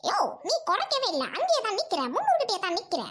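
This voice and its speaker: A woman's voice: big pitch swings, fast talker, very noisy. A woman voicing a rude, bossy young woman who insults a street vendor, for a cartoon. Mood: scornful. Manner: shrill, mocking, shouty. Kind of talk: cartoon voice acting.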